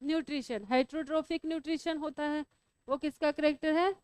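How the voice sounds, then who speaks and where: A woman's voice: sits high, fairly even intonation, brisk, a little mellow, no echo. A woman teaching biology to a class, asking students questions and teasing them as she explains. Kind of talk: classroom lecture.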